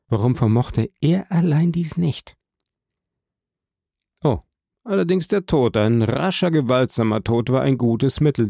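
A man narrating an audiobook in a measured, dramatic reading style. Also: fairly low pitch, gravelly, dark tone, dry recording, studio quality. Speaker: audiobook reader.

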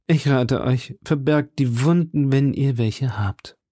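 A man's voice: medium pitch, takes it slowly, dark tone, no room sound, studio quality, pitched above the performer's own voice. A man reading an audiobook, voicing a melodramatic, brooding young musketeer in a raised, solemn, theatrical voice. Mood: gloomy.

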